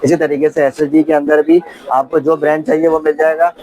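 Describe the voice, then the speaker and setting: A man with a Pakistani accent giving a fluent, detailed sales pitch as a shop seller, often repeating his stock phrases. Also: little pitch movement, a little fast, mellow, no room sound. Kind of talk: sales pitch presenting products. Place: computer shop.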